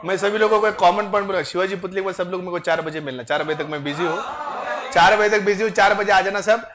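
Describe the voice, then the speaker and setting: A man's voice: high-pitched, quick pace. A man lecturing a class on finance, joking and bantering with his students. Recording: noisy classroom crowd. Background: students chatting.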